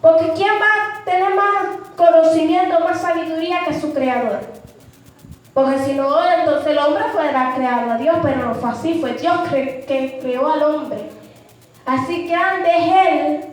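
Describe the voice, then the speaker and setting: A woman with a strikingly high voice delivers an earnest sermon. She acts out short dialogues as she goes. Her voice carries from some distance through a heavily echoing church hall. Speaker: preacher. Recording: very echoey hall, mic far off.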